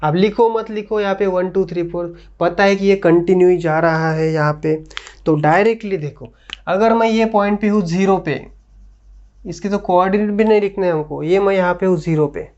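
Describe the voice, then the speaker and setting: A man's voice: high-pitched, a little mellow, highs cut off. A man giving a classroom maths lecture as a tutor. He repeats phrases as he works through the board and keeps checking that students are following. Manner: keeps checking understanding with quick questions.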